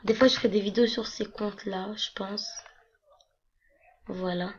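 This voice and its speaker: Young woman, hoarse voice, casual rambling vlogger, muffled home computer mic with faint noise. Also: mid-range voice, steady tone, moderate pace. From France. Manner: chatty, rambling with many fillers. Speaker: gaming vlogger. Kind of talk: casual screen-recording walkthrough.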